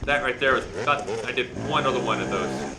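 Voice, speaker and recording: Male motovlogger, chatty and self-deprecating race commentary, fry in the voice, recorded roomy with clear vehicle noise. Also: medium pitch, fairly quick. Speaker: motovlogger and amateur dirt bike racer. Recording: roomy echo, loud engine and ambient noise.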